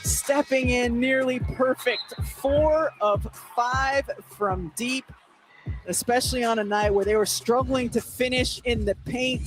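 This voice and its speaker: A woman's voice: a little high, poor audio. A woman analyst at courtside breaking down a televised basketball game in an upbeat, explanatory way. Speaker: color analyst. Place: courtside at an arena.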